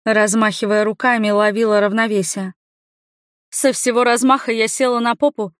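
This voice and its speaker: A woman narrates a first-person fantasy audiobook at a mid pitch, building tension and suspense as she reads. The recording is dry and close, with no room sound behind her. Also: dry recording. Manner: tense, suspenseful storytelling. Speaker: audiobook reader.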